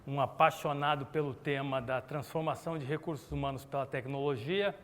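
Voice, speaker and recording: With a medium-pitched voice and a brisk pace, a middle-aged Brazilian man runs an energetic corporate keynote, chatting with the audience and asking who will raise a hand. The recording has the long reverb of a conference hall plus a little hiss or hum.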